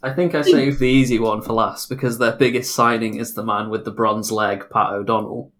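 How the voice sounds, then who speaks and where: A man's voice: fairly low pitch, fairly even intonation, brisk, a bit bright. Joking man on a podcast. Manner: joking, laughs through lines. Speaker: podcast co-host. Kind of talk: casual sports chat.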